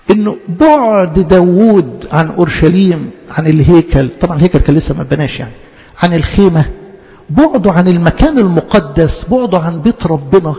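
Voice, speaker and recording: A man's voice: high-pitched, mellow, long reverb tail, highs cut off. A man with an Egyptian accent preaching a conversational sermon, speaking straight to the congregation and repeating key words.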